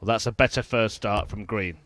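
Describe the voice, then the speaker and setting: A man giving live darts commentary in measured, analytical short observations. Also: on the low side, fairly bright tone, a little hiss or hum.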